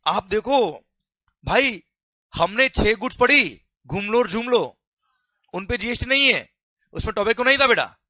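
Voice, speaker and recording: A lively Indian man lecturing on tax, his voice very bright and cutting, recorded close and dry with no room sound. He jokes, coaxes and keeps asking if the class is clear. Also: sits high, measured pace, pauses often, no room sound. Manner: animated, jokey, mixing English terms.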